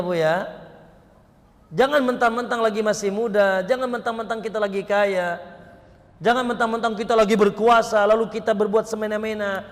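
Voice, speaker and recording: A man preaching a sermon to an audience, lively and teasing, asking them questions. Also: high-pitched, long reverb tail.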